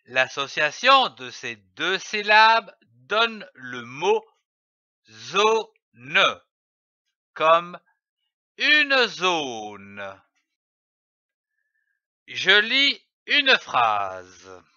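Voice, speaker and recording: Slow, bright-voiced man teaching phonics. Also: high-pitched, big pitch swings, smooth, no room sound, highs cut off. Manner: spells letters and syllables slowly and carefully. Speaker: reading teacher. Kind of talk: slow syllable-by-syllable phonics lesson.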